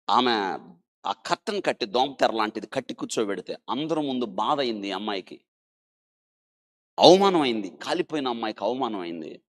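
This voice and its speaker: A male doctor recounts a story in an interview with lively, rising and falling pitch at a middle register. He swings from loud, emphatic bursts to hushed asides, and keeps urging his listeners to stop and think. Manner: dramatic, animated storytelling that swings between loud emphasis and quiet.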